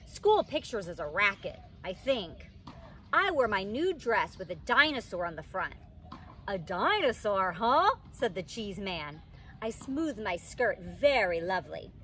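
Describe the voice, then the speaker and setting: Seated in a wicker pod seat beneath a tree outdoors, a young woman reads a children's book aloud like a teacher, animatedly acting out the characters. Her medium-pitched voice is unhurried, and outdoor background noise comes through.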